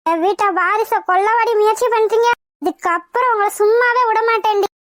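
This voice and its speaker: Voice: extremely high pitch, a little fast, a bit bright, no echo, clean studio sound. A voice actor playing a fierce, protective middle-aged mother-in-law in a cartoon, commanding and scolding. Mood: angry. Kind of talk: cartoon voice acting.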